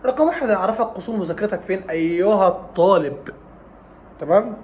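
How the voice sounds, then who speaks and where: A man's voice: sits high, quick pace, a little mellow, slight background noise. A young man with an Egyptian Arabic accent giving study advice in a casual vlog, teasing and scolding like a big brother with lots of rhetorical questions. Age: young adult.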